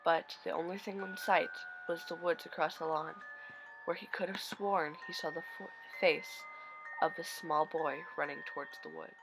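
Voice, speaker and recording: Female horror-story narrator, lowish bright voice, scripted read over faint music. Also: steady tone, normal speed, low-quality recording. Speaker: narrator of online horror stories.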